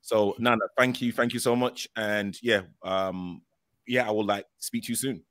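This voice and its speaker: A man hosts a casual live show. His voice sits fairly low with a bright, forward edge and a dry sound. He circles back over his phrases and leans on fillers. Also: steady tone, moderate pace, no echo. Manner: hesitant, repetitive, frequent filler phrases. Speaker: host.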